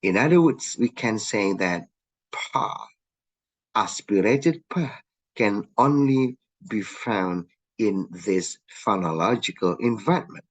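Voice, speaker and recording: Indonesian-accented guy teaching a linguistics lesson, slow and kinda husky, keeps saying okay. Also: on the low side. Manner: repeats "okay" often, lively rising emphasis on example sounds. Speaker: linguistics lecturer. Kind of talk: recorded lecture explaining slides.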